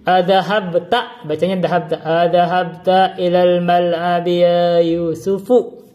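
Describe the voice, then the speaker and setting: Indonesian guy teaching arabic, slightly high voice, reads slow then explains fast. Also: fairly even intonation, a little mellow. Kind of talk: casual classroom explanation.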